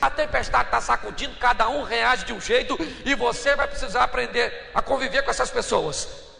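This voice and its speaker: A man preaching a sermon as a pastor, telling stories in an animated way. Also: very high-pitched, moderate pace, creaky. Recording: echoey church hall reverb.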